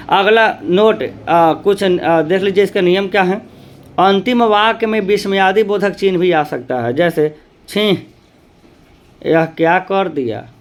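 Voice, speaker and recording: A man teaching grammar to students with a tinge, reading example sentences slowly and often asking whether the students have understood. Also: a little high. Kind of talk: classroom-style grammar lesson.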